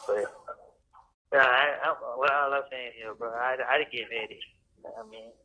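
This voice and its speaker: Man, slangy caller on a muffled payphone line, middle pitch. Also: fairly even intonation, moderate pace, bright, forceful tone. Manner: loose, slangy, profane. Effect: payphone call from jail. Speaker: incarcerated caller. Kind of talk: casual phone chat. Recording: muffled jail phone recording.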